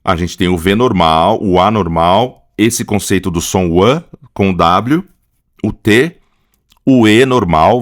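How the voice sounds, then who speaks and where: A Brazilian man with a Brazilian accent, patiently explaining pronunciation in a lesson and often checking in with a quick "right?". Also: on the low side. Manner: patient, often tags phrases with a questioning "right?". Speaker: language teacher.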